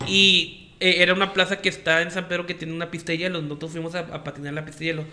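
A man's voice: fairly high pitch, little pitch movement, bright, forceful tone, a little hiss or hum. A young man with a Monterrey accent telling stories in a casual chat, joking and full of slang. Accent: northern Mexican, Monterrey. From Mexico. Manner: rapid joking storytelling, heavy slang.

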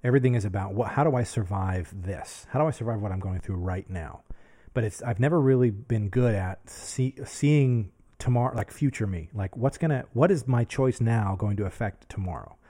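Man, thirties, podcast host, talking to camera, rambling, self-reflective, lowish voice. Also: normal speed, mellow. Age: 30s. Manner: rambling, self-searching, many restarts and fillers. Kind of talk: casual reflective monologue to camera.

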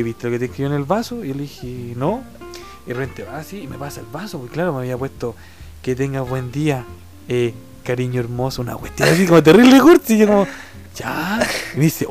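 Man, Chilean accent, twenties, casual storytelling, acts out voices, very animated pitch. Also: brisk, music in the background. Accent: Chilean Spanish.

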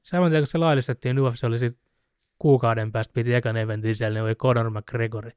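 A man casually chatting on a podcast, telling a story with animated retellings. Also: mid-range voice, smooth, no echo, studio quality. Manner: animated storyteller, mimics shouting with laughs. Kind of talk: casual chat about fighting sports.

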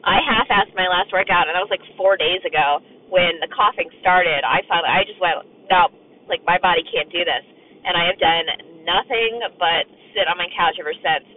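A woman with a raspy, strained voice, hoarse from being sick, talks candidly in a casual podcast style from her car. The sound is narrow and phone-like, with faint road noise underneath. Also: fairly low pitch, normal speed. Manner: candid, colloquial, mildly sweary. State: hoarse and sick, voice nearly gone. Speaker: podcast host and fitness coach. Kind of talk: casual solo podcast chat. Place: inside a car on a dirt road.

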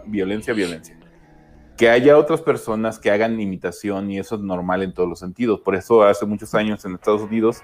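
A middle-aged man, co-hosting a casual podcast chat in an animated, slangy way. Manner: animated, slangy, acts out quotes in higher voices. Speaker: podcast co-host.

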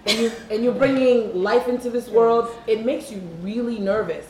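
A woman's voice: fairly high pitch, steady tone, normal speed, darkish tone. Earnest woman in an echoey room. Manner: earnest, emphatic, repeats phrases for stress. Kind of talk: casual panel chat.

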